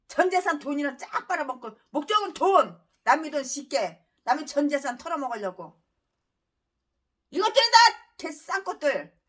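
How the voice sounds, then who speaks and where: Woman pastor, high voice, fierce preaching: angry rants, sudden shouts, slow stressed scripture reading. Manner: angry ranting with bursts of shouting. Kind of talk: expository sermon.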